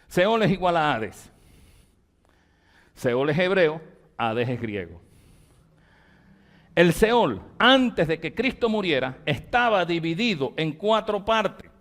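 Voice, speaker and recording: A Venezuelan pastor with a Venezuelan Spanish accent teaches a Bible study to his congregation in a church room. He speaks emphatically, in a fairly high voice for a man, and repeats key words slowly as if dictating them for notes. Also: sing-song, fairly bright tone.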